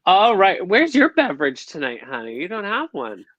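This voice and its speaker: A man co-hosting a casual review chat, effusive and animated, on a video call mic. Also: high voice, moderate pace, no room sound. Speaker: co-host. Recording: dull lo-fi dry sound.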